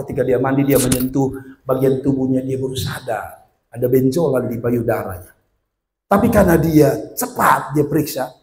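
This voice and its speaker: A male pastor, preaching a sermon that swings from quiet murmurs to loud shouted peaks and acts out the voices in his stories. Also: medium pitch.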